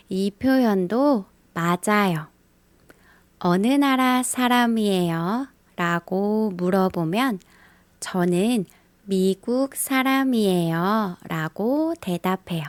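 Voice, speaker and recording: A Korean teacher gives a beginner language lesson in a slow, scripted style, carefully repeating the example phrases. Her voice is medium-pitched, with no room sound.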